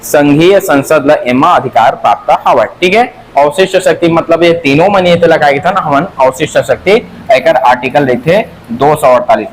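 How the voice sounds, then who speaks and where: A man's voice: a little high, moderate pace, slight background noise, rough recording. A man teaching an exam-prep class with a Chhattisgarhi accent, drilling answers by repeating them in a sing-song and asking and answering his own questions.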